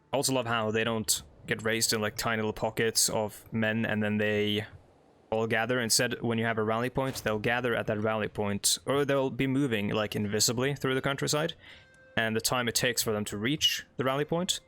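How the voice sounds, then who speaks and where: This let's play host, a young man from Norway, has a low-leaning voice that comes across a bit bright. Speaking non-native English with a Norwegian accent, he rambles through the game with frequent fillers and chatty side comments on the text he reads.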